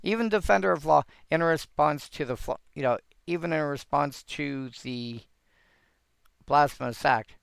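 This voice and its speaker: A man's voice: on the high side, moderate pace, creaky, clear, resonant tone, dry recording, studio quality. A man hosting a casual solo commentary on old game cards, thinking aloud and rambling with frequent restarts.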